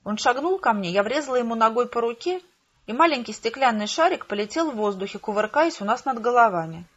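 A woman narrating a first-person audiobook in a steady, expressive storytelling manner. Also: a little high, quick pace. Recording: slightly muffled home recording.

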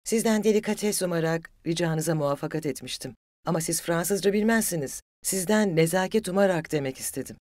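This is a read-aloud of a cool, reserved young gentlewoman, delivered in a measured, formal manner. The mid-range voice is pitched above the performer's own yet stays close to an everyday voice. The studio recording is clean and dry.

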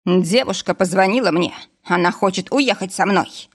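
A woman's voice: medium pitch, moderate pace, lightly acted. A woman reading an audiobook voices a drunk middle-aged man, a candy-factory director who hiccups and talks with slurred familiarity. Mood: tipsy.

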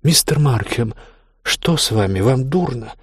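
A man's voice: expressive, unhurried, husky, dry recording, studio quality. A man voicing a spiteful, coquettish young lady in an audiobook, with mocking, sugary speech. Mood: mock concern. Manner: mocking, sugary, high-pitched. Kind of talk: audiobook character voice.

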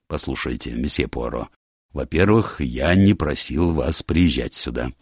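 A man voicing a gruff, disapproving older male admiral in an audiobook, blunt and grumbling. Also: rumbling low, animated, unhurried, no room sound, studio quality, heavily acted. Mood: disgruntled. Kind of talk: audiobook character voice.

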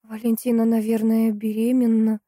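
A woman voicing an anxious young fiancée who speaks high and urgently. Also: completely flat delivery, moderate pace, dark tone, no room sound, studio quality, natural voice.

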